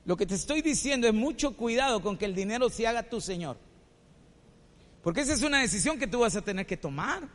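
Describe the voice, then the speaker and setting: A man's voice: very high voice, lively intonation, a little fast, fairly bright tone. A male pastor delivering a sermon, speaking, asking rhetorical questions and telling a personal story with animation. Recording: long hall reverb.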